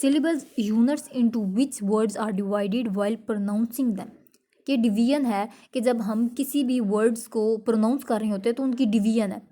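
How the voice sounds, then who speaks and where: Mellow-voiced woman teacher explaining slowly. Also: a little high. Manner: explains in Hindi, slowly reads out English definitions, often checks in with listeners. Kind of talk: classroom lecture.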